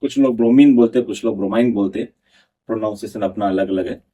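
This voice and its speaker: Male teacher, husky voice, mid-pitched. Reads notes slowly and answers his own questions. Recorded slightly distant from the mic. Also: steady tone, warm tone. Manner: reads English notes slowly, then explains in Hindi; asks the class questions and answers them himself. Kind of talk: exam prep lecture.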